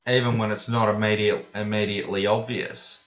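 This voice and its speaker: A low-pitched Australian man talks casually as an interview guest, using plain everyday phrasing. His voice comes through a dull, roomy recording. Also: little pitch movement, brisk, a bit bright. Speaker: podcast guest. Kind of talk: casual conversation.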